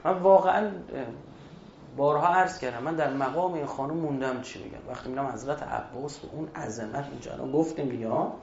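A man preaching a religious sermon at a mourning gathering, moving between hushed storytelling and loud, emphatic exhortation. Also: medium pitch, slight background noise. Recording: echoey dull hall recording.

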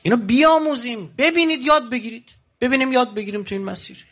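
Impassioned male preacher, lo-fi sound. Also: a bit bright. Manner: impassioned, rhetorical questions, sudden rises and drops in pitch. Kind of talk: religious sermon to pilgrims.

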